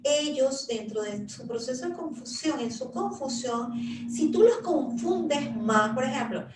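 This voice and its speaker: Speaking in a high voice at a measured pace, a middle-aged woman casually recounts looking after her dad, offering tips and playing both herself and him in lively retellings. There's a lot of noise, plus roomy echo from being somewhat distant from the microphone.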